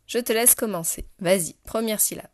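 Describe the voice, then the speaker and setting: A woman's voice: mid-range voice, normal speed, dry recording, studio quality. A woman teaching phonics to a young child, speaking patiently and directly to the learner. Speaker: primary school teacher.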